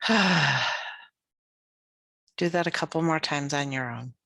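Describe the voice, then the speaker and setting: In a low-pitched voice, a woman acting as teacher walks listeners through yoga nidra, speaking softly and calmly with long pauses and a relaxed pace. There is no echo.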